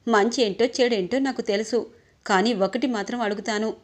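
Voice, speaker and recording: A woman voicing a fierce young married woman who scolds loudly and indignantly in a storybook retelling. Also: on the high side, fairly even intonation, normal speed, lightly acted.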